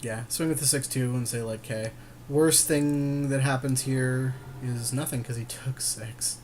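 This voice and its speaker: Playing a card game while co-commentating on it for his podcast, a male co-host chats informally in a steady, mid-range, slightly mellow voice. His pace is a little slow, with a bit of noise in the background.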